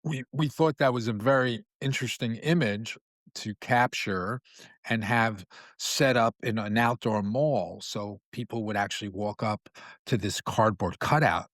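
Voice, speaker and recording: Host casting: man from New York City, lowish voice, dry close sound, loose rambling monologue delivery with lots of uhs. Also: a little slow, fairly bright tone, no echo. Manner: rambling, frequent fillers and restarts. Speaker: podcast host. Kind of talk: casual monologue.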